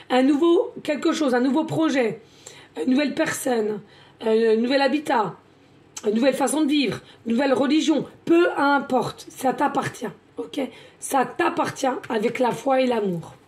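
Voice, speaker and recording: A woman doing a chatty tarot card reading, often repeating herself and filling pauses. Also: high-pitched, darkish tone. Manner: chatty, repeats words, many fillers. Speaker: card reader, medium.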